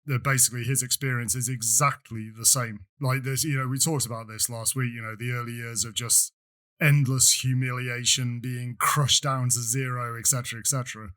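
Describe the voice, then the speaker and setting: A man co-hosts a podcast in casual chat. He talks in a fairly flat tone, often stumbling and repeating words before he finishes a thought. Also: mid-range voice. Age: adult student. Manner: halting, repeats words while talking. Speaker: podcast co-host.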